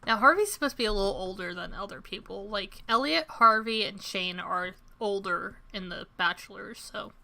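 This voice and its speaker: A young woman streaming a farming game, chatting to her viewers at a desk mic. Her voice is bright and forward, with self-deprecating asides, and keyboard typing clicks behind her. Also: mid-range voice, moderate pace, vocal fry, few pauses. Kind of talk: casual gameplay commentary.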